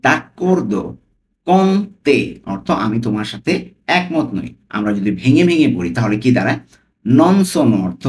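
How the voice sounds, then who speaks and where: A man teaching a language lesson, repeating each phrase and saying foreign words very slowly and loudly. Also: medium pitch. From Bangladesh.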